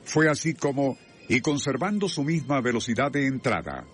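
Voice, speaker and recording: A man with a Venezuelan accent narrating a scripted radio documentary in a formal, deliberate, dramatic style. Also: medium pitch, lively intonation, slight background noise. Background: music.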